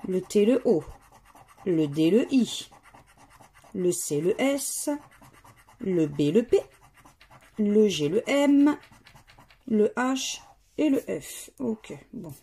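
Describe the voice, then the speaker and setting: A woman casually commenting as she scratches lottery tickets, reading out letters and words in a slow murmur that often drops to near-whispers. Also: mid-range voice, big pitch swings, dark tone, husky. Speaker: scratch-card vlogger.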